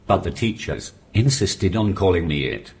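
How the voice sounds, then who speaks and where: Male text-to-speech voice, deep, swinging intonation, deadpan stand-up, noisy room. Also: moderate pace, vocal fry. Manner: flat synthetic speech with deadpan jokes. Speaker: stand-up comedian. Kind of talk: stand-up routine through a text-to-speech communication aid. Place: comedy stage before a live audience. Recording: noisy live venue recording.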